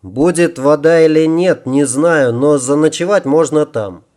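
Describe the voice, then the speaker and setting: A practical, steady young leader gives firm orders, as a male narrator voices him. His voice stays dark and even. It is a storybook reading. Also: a little high, unhurried, natural voice. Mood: planning. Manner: commanding, practical. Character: practical, determined young man leading a weary group.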